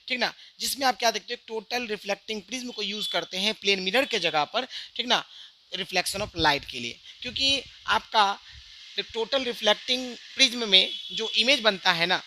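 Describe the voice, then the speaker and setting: Bright-voiced man teaching physics. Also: high-pitched. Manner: keeps asking "right?" and speaks to the students directly. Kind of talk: explaining a diagram on an online lesson.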